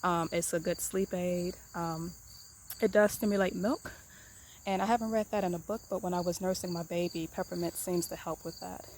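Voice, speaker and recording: A woman walks through her outdoor garden, chatting casually about her herbs in a somewhat low voice. She rambles easily, filling pauses with "um" and doubling her words. Crickets and insects chirp clearly behind her. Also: a little hiss or hum. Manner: relaxed, rambling, many ums and repeated "really, really". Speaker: home gardener giving an herb tour. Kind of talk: casual garden tour vlog.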